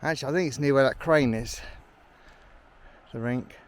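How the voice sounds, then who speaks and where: A man's voice: mid-range voice, moderate pace. A man vlogging on a mountain trail, chatting to a handheld camera as he walks and a little out of breath. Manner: chatty, talks to the camera while hiking. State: a bit out of breath. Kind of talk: casual walking commentary.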